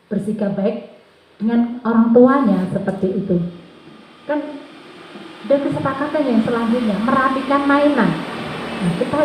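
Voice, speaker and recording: A woman who teaches kindergarten gives an informal presentation to fellow teachers in a warm, coaxing way, pausing often on filler sounds. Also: medium pitch. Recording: tinny and echoey.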